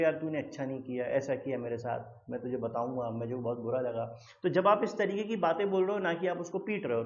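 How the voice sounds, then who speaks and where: Guy teaching english words, kinda high voice, slightly muffled lo-fi recording, repeats stuff and asks questions. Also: a little mellow. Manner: explains with everyday examples, repeats key words, asks the listener questions. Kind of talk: explanatory lesson in Hindi mixed with English. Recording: roomy, slightly dull lo-fi sound.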